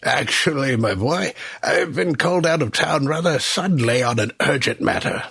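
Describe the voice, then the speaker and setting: An actor playing a genial, fussy older gentleman doctor with a raspy voice, in old-time radio comedy style. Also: medium pitch, lively intonation, moderate pace, dry recording, full character voice. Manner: hearty, old-fashioned, avuncular.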